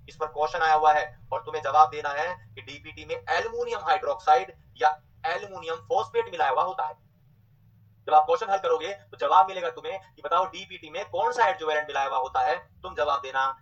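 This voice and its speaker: A man teaching a nursing exam class, repeating terms slowly and quizzing his students. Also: on the high side, a bit bright, recorded from a distance, dull audio. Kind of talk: online exam coaching lecture.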